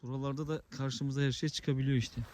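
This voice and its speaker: A man's voice: mid-range voice, level tone, fast, dry recording. A man talking casually to camera while walking his dog on a rural village road outdoors. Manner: calls out loudly to his dog. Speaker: vlogger. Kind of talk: casual outdoor vlog narration.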